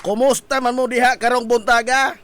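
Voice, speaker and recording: A man hosting a morning radio show, chatty and joking, his voice hoarse from a cough and cold. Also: very high-pitched, level tone, a little fast, a loud crowd, very noisy. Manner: jokey, laughs often at his own quips. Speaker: radio host.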